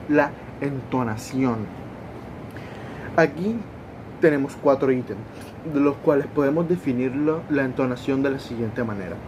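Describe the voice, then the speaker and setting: Male student presenting in class, hesitant and repetitive, with traffic rumble audible. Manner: repeats words and restarts while explaining.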